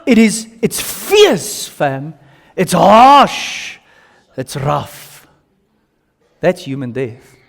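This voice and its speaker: A man with an Afrikaans South African accent preaching a sermon in emphatic short phrases, repeating himself and putting questions to his listeners. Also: medium pitch. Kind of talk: sermon with slides and audience questions. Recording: long hall reverb.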